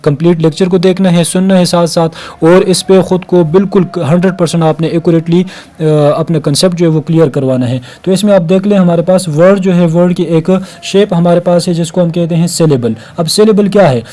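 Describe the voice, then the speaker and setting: Brisk and dark-toned, a man with a high voice delivers a recorded grammar lecture. He's a teacher from Pakistan who works step by step, repeating words to count syllables, often saying "uh" and slipping in English terms.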